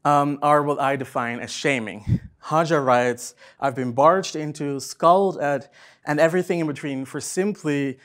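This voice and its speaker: A man's voice: fairly high pitch, measured pace, fairly bright tone. Young male speaker, twenties, slightly raised voice, winded, lots of ums, academic talk. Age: 20s. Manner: breathless after dancing, many ums. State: out of breath. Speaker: symposium speaker. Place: event space in a museum.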